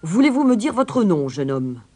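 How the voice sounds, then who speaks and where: Woman doing a loud blustering mayor. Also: mid-range voice, very animated, normal speed, slight background noise, voice pushed up, natural voice. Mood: indignant. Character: pompous scheming male town mayor. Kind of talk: storybook reading.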